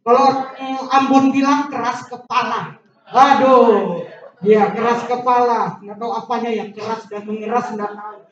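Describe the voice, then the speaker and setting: High-voiced woman preaching in an echoey hall. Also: normal speed. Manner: call-and-response, singsong stresses, lively asides. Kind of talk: sermon. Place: church hall. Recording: echoey church hall from far off, dull sound.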